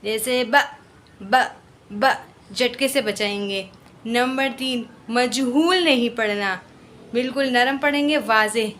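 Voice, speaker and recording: Female Quran teacher, high clear voice, very slow patient drills. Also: a bit bright, a little hiss or hum. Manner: patient, drawn-out syllable drills. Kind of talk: slow spoken recitation lesson.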